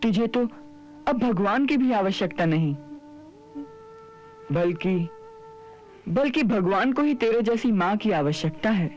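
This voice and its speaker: An actor playing a wise young divine son in a devotional TV drama, counselling his mother gently, like a sermon. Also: sits high, animated, unhurried, long pauses, highs cut off, faint music behind. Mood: admiring.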